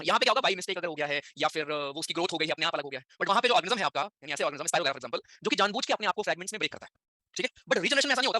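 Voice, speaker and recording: A man's voice: sits high, sharp tone, no room sound, studio quality. A man teaching an online class in a chatty, direct way, checking in with students constantly through tag questions.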